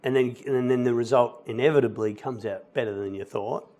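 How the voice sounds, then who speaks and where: A man's voice: medium pitch, a little fast. Man telling stories in chat. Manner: animated storyteller, acts out quoted lines. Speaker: musical theatre actor, guest. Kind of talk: casual interview chat, telling anecdotes.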